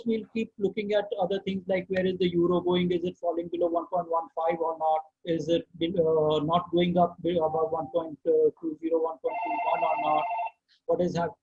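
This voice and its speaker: Man, Indian accent, husky, slightly high voice, halting deliberate host, phone-like sound. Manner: halting, deliberate, repeats words. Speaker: host of an online market outlook session. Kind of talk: unscripted question-and-answer commentary. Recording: tinny phone-like online call.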